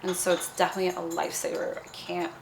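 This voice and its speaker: A woman's voice: fairly low pitch, completely flat delivery, quick pace, gravelly, very noisy. A young woman from Nepal, a cosmetics founder, answering interview questions in a bubbly, chatty way. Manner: bubbly, chatty, fond of fillers like "you know".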